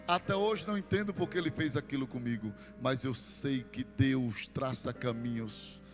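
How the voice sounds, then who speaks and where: A Brazilian man, a pastor, preaching a sermon as a personal testimony, moving between quiet storytelling and loud, fervent passages. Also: mid-range voice, normal speed, in a large hall. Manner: storytelling testimony, swings from hushed to shouted. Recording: music playing behind.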